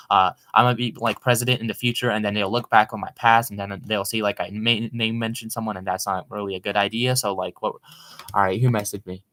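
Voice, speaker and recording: This Maryland streamer is young and chats casually on a live stream from his home room, talking quickly and excitably into a computer mic. His voice is on the low side, and the recording is dry.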